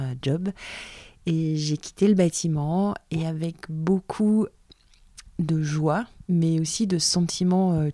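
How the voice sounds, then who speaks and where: A French woman in her forties hosts her own podcast alone. She talks in a low, warm voice, recorded dry and close. Her delivery is chatty and reflective, full of little hesitations and restarts. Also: no echo. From France. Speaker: podcast host, training business owner. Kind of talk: casual solo podcast talk.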